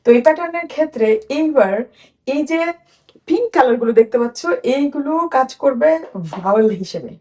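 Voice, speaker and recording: Bangladeshi woman teaching phonics, high voice. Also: animated, dark tone, distant mic. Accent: Bangladeshi Bengali. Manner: repeats sounds slowly for children to copy. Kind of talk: children's phonics lesson.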